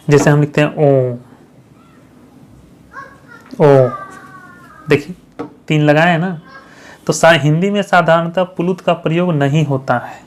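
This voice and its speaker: Male grammar tutor, somewhat higher-pitched, quizzing his viewers and checking in with them often. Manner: repeats questions to the viewers and answers them himself; checks understanding with frequent "thik hai". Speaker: teacher. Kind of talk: grammar lesson for exam candidates.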